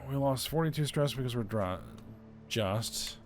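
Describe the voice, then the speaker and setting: A man's voice: medium pitch, expressive, unhurried, slight background noise. A man giving casual commentary while playing a strategy game, thinking aloud and often saying "all right". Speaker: strategy game let's-player.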